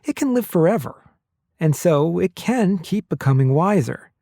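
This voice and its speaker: A man hosting a podcast, reading scripted narration in a measured way. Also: on the high side, sing-song, vocal fry, warm tone, no echo, clean studio sound. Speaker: podcast host.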